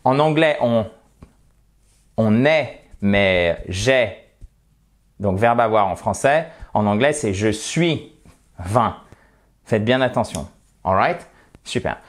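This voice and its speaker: A man's voice: lowish voice, expressive, takes it slowly, pauses often. A man from near Saint-Étienne with a French accent, teaching English pronunciation in a video lesson at a desk microphone, playfully exaggerating mispronunciations. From France, near Saint-Étienne.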